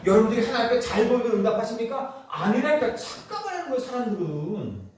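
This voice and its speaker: A man's voice: very high-pitched, sing-song, quick pace, a little mellow, slight background noise. A male pastor delivering a sermon, pressing the congregation with rhetorical questions and emphatic repetition. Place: church sanctuary. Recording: echoey church hall, distant mic.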